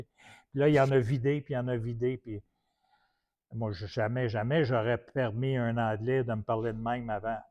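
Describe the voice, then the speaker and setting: A man's voice: medium pitch, a little mellow. A man from Quebec with a Québécois French accent, preaching in a colloquial, anecdotal style full of restarts. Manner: colloquial storytelling with many restarts. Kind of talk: anecdotal teaching talk.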